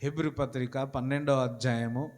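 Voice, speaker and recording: A man's voice: mid-range voice, steady tone, moderate pace, a little mellow. A male pastor preaching a sermon, exhorting the congregation and calling for responses. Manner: exhorting, calls for responses, switches into English phrases. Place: church hall. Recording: long hall reverb.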